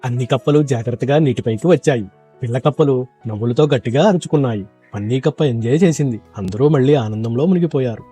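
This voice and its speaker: A man narrating a children's moral story in an even, measured storytelling manner. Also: mid-range voice, husky, faint music behind.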